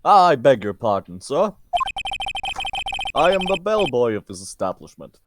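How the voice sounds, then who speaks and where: A man's voice: medium pitch, big pitch swings, unhurried, noisy background. A man voicing an overly polite young male hotel bellboy who speaks with courteous, butler-like formality and calls everyone sir. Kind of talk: amateur game voice dub.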